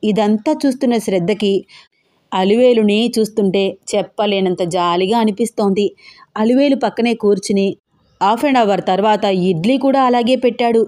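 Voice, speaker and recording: A woman narrating a family audio story in an even, plain storytelling voice. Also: mid-range voice, normal speed.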